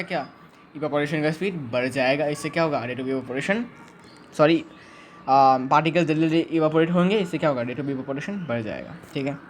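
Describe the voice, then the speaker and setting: A male teacher giving an online class, explaining step by step and slowing down to dictate notes. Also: fairly high pitch, a little hiss or hum. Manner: explains step by step, mixing Hindi and English, dictating notes slowly.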